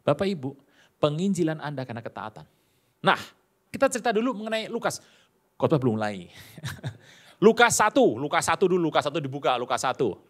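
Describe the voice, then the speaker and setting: A middle-aged male pastor delivering a sermon, telling stories with animated, acted-out dialogue. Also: mid-range voice.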